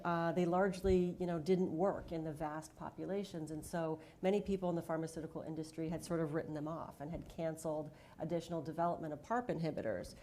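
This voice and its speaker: A woman's voice: sits low, dark tone. A woman speaking on a conference panel as a diagnostics leader, telling her story earnestly with frequent fillers.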